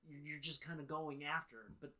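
A man with a slightly raised pitch and a bright, forward tone. He chats as a co-host with easy enthusiasm. He laughs often and scatters "like" through his sentences. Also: steady tone, normal speed, low-quality recording. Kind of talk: casual chat about video games.

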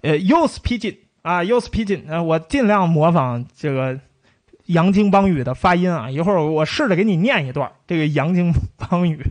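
A man giving a casual spoken history lecture, telling it in a lively way and playfully imitating old pronunciations. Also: a little high, moderate pace, dry recording.

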